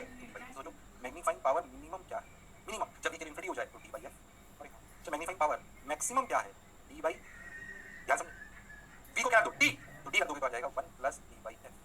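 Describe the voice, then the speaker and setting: Rapid, bright-voiced male physics teacher. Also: high voice, a little hiss or hum, poor audio. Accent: Hindi. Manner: energetic, coaxing students with call-and-response; fast, rapid-fire explanations. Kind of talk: lecture.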